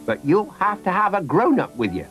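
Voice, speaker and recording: A man's voice: high voice, sing-song, normal speed, a bit bright, pitched above the performer's own voice. A man putting on a bossy old gran. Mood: fond. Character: bossy kindly old grandmother, brisk. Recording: faint music behind.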